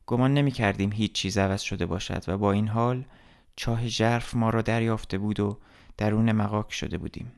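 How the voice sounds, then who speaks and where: A man voicing a fat young male student who speaks flatly and calmly about doom, in a storybook reading. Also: fairly low pitch, creaky. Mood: resigned.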